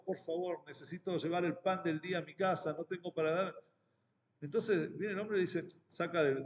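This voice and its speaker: A rabbi with an Argentine accent giving a Torah class, talking in a halting way with many restarts and fillers. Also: male voice, a little high, in a large hall. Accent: Argentine Spanish.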